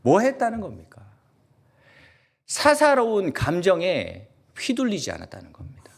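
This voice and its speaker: A male pastor with a Gyeongsang accent, preaching a lively sermon and asking the congregation question after question. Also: high-pitched, moderate pace, creaky, breathy edge. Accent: Gyeongsang Korean. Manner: animated, asks the congregation many questions; acts out quoted voices in dialect. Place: church sanctuary.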